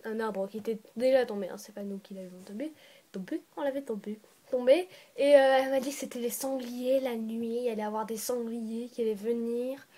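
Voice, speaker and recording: Chatty, high-voiced woman telling a story. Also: fairly even intonation, fairly quick, few pauses, mellow. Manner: rambling, chatty, often restarts and corrects herself. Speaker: storytime vlogger. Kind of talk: casual storytime narration. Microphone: phone or tablet voice recording.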